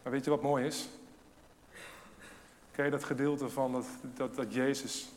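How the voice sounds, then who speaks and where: A man preaching a sermon with emphasis, asking rhetorical questions and swinging between loud and hushed delivery. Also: mid-range voice, steady tone, measured pace, slight background noise. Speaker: pastor. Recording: long hall reverb.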